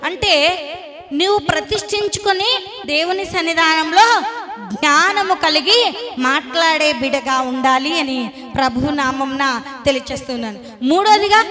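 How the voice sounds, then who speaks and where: A woman with a Telugu accent preaching a sermon at a women's church meeting, often putting questions to the congregation. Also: extremely high pitch. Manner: asks the congregation questions, rising emphasis on key points. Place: church hall with a gathered audience. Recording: crowd audible behind.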